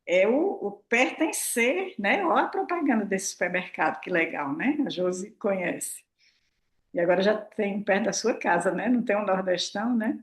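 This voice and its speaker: A woman's voice: medium pitch, moderate pace. A woman, talking casually and expressively to her audience as a prosperity mentor, acting out her own remarks. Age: 60s. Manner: chatty, expressive, acts out her own quotes, tag questions. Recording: roomy echo.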